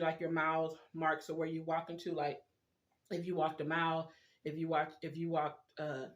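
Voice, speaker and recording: Casting: mid-pitched food vlogger, informal and rambling, chewing while talking. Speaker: video blogger. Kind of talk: casual chat while eating, mukbang style.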